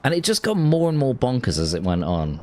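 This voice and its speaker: A man's voice: mid-range voice, very animated, fairly quick, a little hiss or hum. A man chatting casually while streaming a game, rambling and restarting his sentences. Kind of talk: casual gameplay chat with chat.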